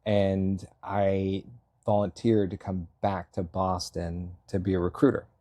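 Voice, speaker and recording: This selectboard candidate, a Massachusetts man in his thirties, speaks as a guest in a casual interview with a deep, monotone, dark voice that runs a little slow, and there's no room sound. His talk wanders, packed with fillers, self-deprecating jokes and constant chuckling.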